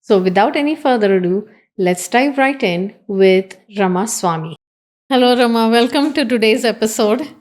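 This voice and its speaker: A woman's voice: on the high side, animated, normal speed, a little mellow. A woman hosting a podcast, delivering a scripted welcome and then interviewing her guest. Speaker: podcast host.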